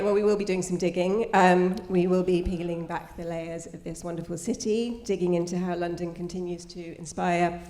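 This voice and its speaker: Woman moderator, lowish voice, gracious, lots of ums, echoey theatre. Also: vocal fry, darkish tone. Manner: gracious, with many ums and restarts. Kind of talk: live panel moderation. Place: theatre stage. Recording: roomy theatre sound.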